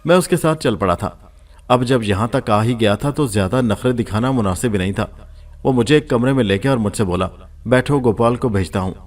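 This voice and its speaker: A man reads a first-person story aloud, steady and measured as he tells it. His pitch sits in the middle of the range for a man. He keeps an even storytelling pace throughout. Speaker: audiobook narrator.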